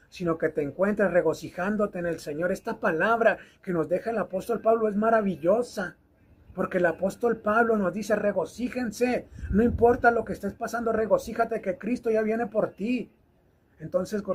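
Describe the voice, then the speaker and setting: Husky high-voiced male preacher. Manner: fervent exhorting, repeats phrases. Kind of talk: recorded video sermon.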